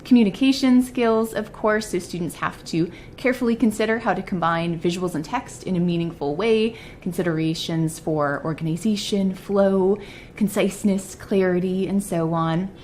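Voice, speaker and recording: A woman's voice: moderate pace, a little mellow. A woman professor giving a prepared lightning-talk presentation in an orderly, explanatory manner. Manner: clear explanatory, orderly listing of points. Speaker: university psychology professor, lecturer. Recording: noticeable low rumbling background noise.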